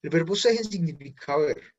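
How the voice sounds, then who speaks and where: Husky-voiced man teaching German. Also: on the high side, animated, moderate pace, lo-fi sound. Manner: explains step by step, switching between Spanish and German drills. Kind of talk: online class explanation.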